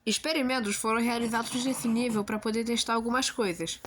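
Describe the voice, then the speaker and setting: A woman with a Brazilian accent narrates a scripted video explaining fictional lore, adding casual asides. Her voice is a little high and fairly bright, with fairly even intonation and a brisk pace, though it sounds slightly odd and swollen, like a sore throat. Slight background noise is audible.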